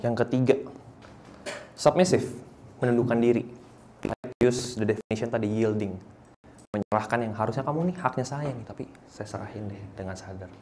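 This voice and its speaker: Young male preacher, lively and theatrical, switching to English lines, faint noise behind. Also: mid-range voice, moderate pace, pauses often. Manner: animated, mixes English phrases, acts out voices, often rises to near shouting. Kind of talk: lively sermon. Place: church hall.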